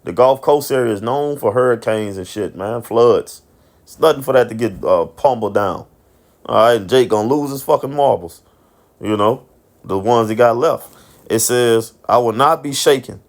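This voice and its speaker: A man's voice: medium pitch, normal speed. A man giving informal scripture commentary, reading Bible verses and ending his phrases with "man" and plenty of swearing. He repeats and restarts words and asks himself questions before answering them. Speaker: street preacher and commentator.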